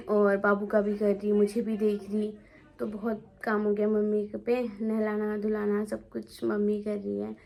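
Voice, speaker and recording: A woman's voice: medium pitch, creaky, warm tone. A young woman chatting casually for her home vlog, rambling and repeating herself as she talks. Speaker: family vlogger. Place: at home indoors.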